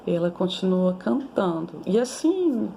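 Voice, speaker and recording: A woman's voice: lowish voice, big pitch swings, a little slow, creaky, mellow, slight background noise. A Brazilian woman in her forties giving a conversational lecture on teaching young children, often tagging her sentences with "né?". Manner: conversational, with frequent "né?" tags and restarts. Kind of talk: recorded lecture on early childhood education.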